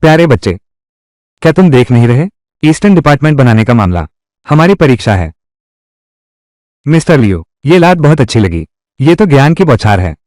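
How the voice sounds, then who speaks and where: Male dub actor, theatrical declamatory delivery, very animated pitch, dry booth sound. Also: moderate pace, pauses often, no room sound. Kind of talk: dubbed historical drama dialogue.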